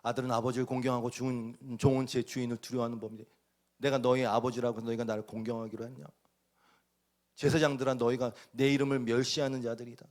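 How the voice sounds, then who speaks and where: A man preaching a sermon as pastor, dramatic, acting out voices and swinging from loud bursts to near whispers. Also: mid-range voice, little pitch movement, fast talker.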